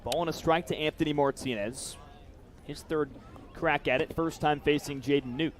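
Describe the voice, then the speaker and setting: Live from an outdoor ballpark, a young American man calls a baseball game for radio at a moderate pace. His voice is fairly high with fairly even intonation, and the crowd can be heard around him.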